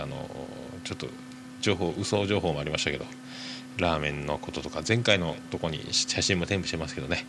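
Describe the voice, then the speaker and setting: A man hosting a podcast, reading listener mail aloud and chatting casually in a rambling, hesitant way full of drawn-out fillers. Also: low voice, noisy background. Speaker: podcast host.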